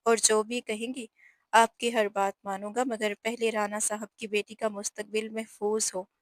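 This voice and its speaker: A woman's voice: mid-range voice, level tone, moderate pace, no echo, clean studio sound, close to an everyday voice. A woman voicing a serious young male police officer who is a dutiful son, earnest and pleading in a storybook reading. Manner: earnest, pleading with his mother.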